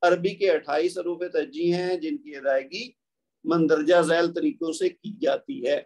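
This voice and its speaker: A man with a Pakistani Urdu accent gives a patient tajweed lesson, his voice sitting a little high. He explains each point calmly and draws out letter sounds slowly so students can copy them. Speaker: Quran recitation teacher.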